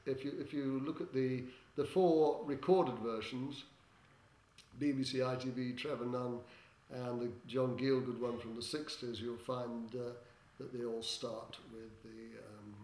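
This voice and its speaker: An older man answering interview questions as a theatre director, in a hesitant, halting way with droll, tongue-in-cheek humour. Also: mid-range voice, fairly even intonation, a little mellow. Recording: echoey room with background noise.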